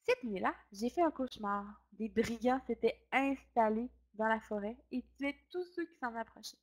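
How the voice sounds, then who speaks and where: A woman storyteller reading a children's story aloud. She narrates in the first person and keeps the reading expressive. Her voice sits on the higher side. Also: normal speed.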